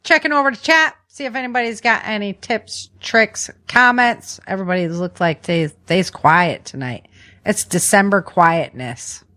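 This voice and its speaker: A podcast host with a mid-range, pushed, bright voice talks at normal speed in an informal, conversational style. She chats and runs through the news, repeating words for emphasis.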